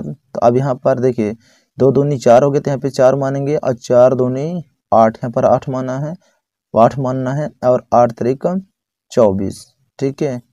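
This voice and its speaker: A man's voice: mid-range voice, dark tone, dry recording. A man teaching a math lesson step by step, counting aloud patiently and checking in often with the viewer.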